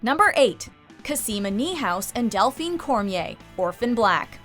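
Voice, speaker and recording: A woman's voice: on the high side, sing-song, measured pace, over music. A woman reading scripted narration as the narrator of a countdown video.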